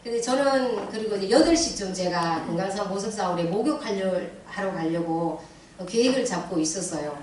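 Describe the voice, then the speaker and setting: A woman's voice: mid-range voice, lively intonation, moderate pace, a little mellow, a little hiss or hum. A middle-aged woman giving an emotional testimony in church, recounting events dramatically and acting out her own prayers. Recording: echoey church hall, distant mic.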